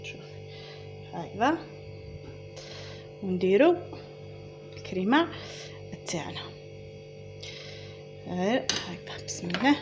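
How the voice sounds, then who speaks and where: A woman's voice: mid-range voice, muffled recording. A woman with an Algerian Arabic accent hosting a home baking tutorial, chatting and guiding viewers step by step as if talking to friends. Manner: chatty and instructive, addressing viewers as "girls". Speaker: home baking channel host. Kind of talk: casual cooking tutorial. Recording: music playing clearly behind her.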